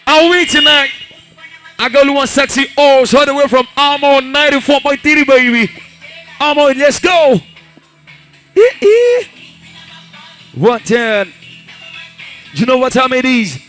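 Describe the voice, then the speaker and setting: A man's voice: very high voice, lively intonation, a little slow, pauses often, soft background music. A man with a Nigerian accent working as a hype man, calling out to a crowd on a microphone in a hyped, chanted promo style at a live lounge event. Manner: hyped, shouted promo delivery with short chanted call-outs.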